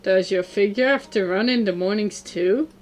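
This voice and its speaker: A woman reading a deadpan, odd teenage girl. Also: medium pitch, normal speed, close to an everyday voice.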